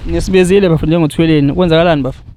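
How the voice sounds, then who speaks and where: A man's voice: fairly high pitch, fairly even intonation, rapid-fire, dark tone, slight background noise. A South African man with a Zulu accent, hosting and interviewing in a conversational way, mixing in some English words. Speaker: host for a community aid organisation. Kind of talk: spoken introduction and interview, code-switching with some English words.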